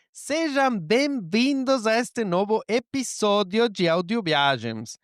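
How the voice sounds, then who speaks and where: A man hosting a travel podcast, lively and mixing Spanish with Portuguese as he interviews a guest. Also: a little high, clean tone, dry recording, clean studio sound. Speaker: podcast host.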